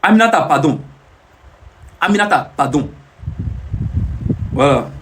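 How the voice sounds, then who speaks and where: High-voiced, animated man. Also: a little slow. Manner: boastful, teasing, repeats phrases over and over. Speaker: live streamer. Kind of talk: casual boastful live-stream talk.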